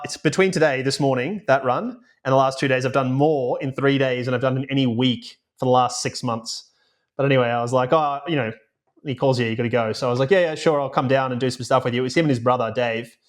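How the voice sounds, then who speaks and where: A man co-hosting and producing a podcast, chatting casually and telling rambling stories with many fillers. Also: mid-range voice. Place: remote, recording away from home.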